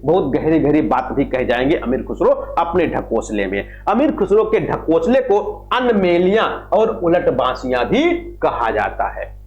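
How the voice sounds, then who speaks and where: A man teaching a lecture on Hindi literature, who asks questions and answers them himself and repeats key phrases. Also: a little high. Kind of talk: classroom lecture. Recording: roomy, slightly dull recording with faint music.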